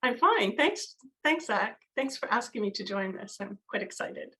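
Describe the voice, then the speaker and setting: A woman's voice: medium pitch, lively intonation, normal speed, fairly bright tone, poor audio. A woman from Canada, a guest in a casual interview, candid and conversational with many fillers. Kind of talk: casual video-call interview.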